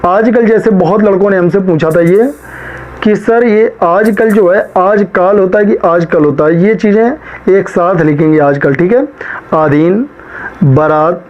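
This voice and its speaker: A man teaching a spelling lesson, drilling words one after another, right and wrong, with much repetition. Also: high voice. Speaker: shorthand teacher. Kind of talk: spoken lesson. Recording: dull lo-fi sound.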